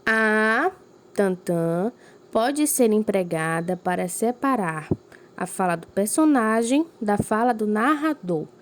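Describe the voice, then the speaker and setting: A woman teacher giving a recorded lesson to young pupils, explaining patiently and checking in with them often. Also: medium pitch. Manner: slow, clearly emphasized reading of examples.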